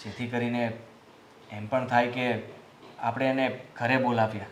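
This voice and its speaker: A man playing a grown son full of regret, speaking sincerely and apologetically at a middle pitch. The room is roomy and echoey, as in a family drama. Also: level tone, unhurried, slight background noise, close to an everyday voice. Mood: apologetic. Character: remorseful grown son seeking to mend ties. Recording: roomy echo.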